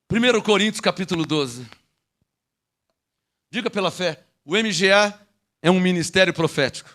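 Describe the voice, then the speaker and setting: Preaching with energy in church, this Brazilian Portuguese-accented pastor swings between joking with his congregation and shouting proclamations. He speaks high in pitch at a moderate pace.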